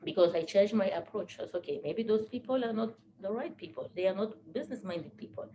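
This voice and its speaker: An animated woman with a mid-range voice speaks at a quick pace, giving a motivational talk to a group at a business team training. She's earnest and repeats phrases for emphasis, in a noisy room.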